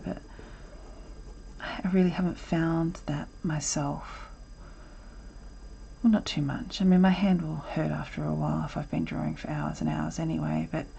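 An art instructor runs a live draw-along from her desk at home, chatting casually and rambling, cutting herself off with lots of ums. Her voice sits low and mellow with vocal fry, and the poor audio carries a slight hiss or hum.

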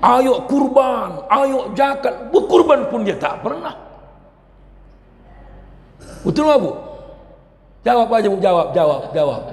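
A man preaching a lively sermon, loud and forceful, dropping into quiet asides and teasing the audience with questions. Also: high-pitched, gravelly. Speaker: Islamic preacher. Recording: echoey hall reverb.

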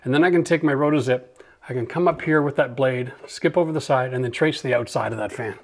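A man's voice: medium pitch, quick pace, slight background noise. A middle-aged man hosting a DIY renovation video, chatty and upbeat, explaining his work in a gutted bathroom. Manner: upbeat, chatty, swears and laughs freely. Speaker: renovation channel host. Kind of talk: casual DIY walkthrough.

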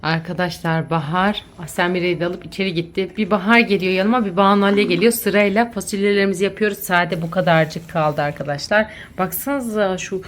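A woman's voice: lowish voice, a little fast, few pauses, slight background noise. A woman in her thirties, a mother vlogging from her home kitchen, chatting to viewers and playfully scolding her children. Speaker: mother and channel host. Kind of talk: casual family vlog, talking to viewers.

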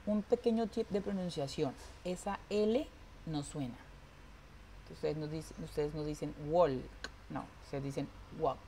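Woman english teacher, low gravelly voice, drags out words to show how they sound, bit of background hiss. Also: mellow. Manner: repeats words slowly to model pronunciation; switches between English and Spanish. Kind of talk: online English class.

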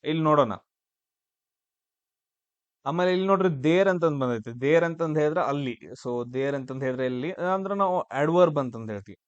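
A man's voice: fairly high pitch, dry recording, muffled recording. A man teaching exam grammar, asking and answering his own questions. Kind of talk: classroom-style grammar lesson.

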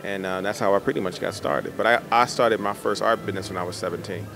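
A middle-aged artist answers interview questions conversationally into a handheld mic at an indoor art expo in a convention center, with a busy exhibition-hall crowd and music behind him. His voice is on the low side and creaky, with fairly even intonation and a quick pace.

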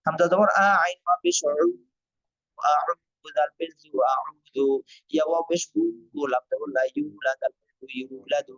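A man teaching Quran reading in an online class, sounding out syllables slowly and repeating them for learners. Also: a little high, a bit bright. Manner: slow syllable-by-syllable drilling, repetitive. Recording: dull lo-fi sound.

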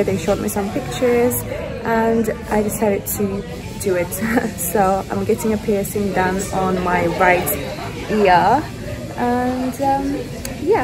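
A woman's voice: medium pitch, poor audio. A young woman talks through her shopping trip in a chatty, gushing way, with plenty of fillers as she goes. She is recorded on a phone held at arm's length, so it sounds like a handheld phone video. Store music plays behind her. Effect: recorded on a handheld phone camera. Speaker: fashion vlogger. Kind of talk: casual vlog chat. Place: indoors in a department store.

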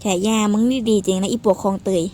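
A woman giving casual gameplay commentary, excitable and playfully swearing, squealing at her game. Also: medium pitch, fast. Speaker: game streamer.

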